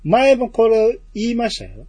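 A man's voice: very high voice, huge pitch swings, a little slow, dark tone, husky, dry recording. A man with a Kansai accent chatting casually as a talk show co-host, teasing and prodding his partner. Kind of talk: casual chat.

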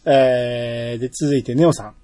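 A man's voice: mid-range voice, normal speed. A man co-hosting a podcast in casual, teasing banter. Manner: relaxed, teasing banter with frequent laughs. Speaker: podcast co-host. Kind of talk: casual chat.

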